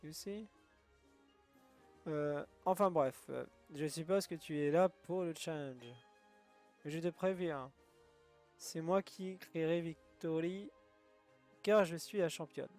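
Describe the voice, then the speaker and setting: A man's voice: on the high side, takes it slowly, pauses often, darkish tone, soft background music. A man voicing a flamboyant female gym leader in a game, with a put-on English accent and showy delivery. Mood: grandiose.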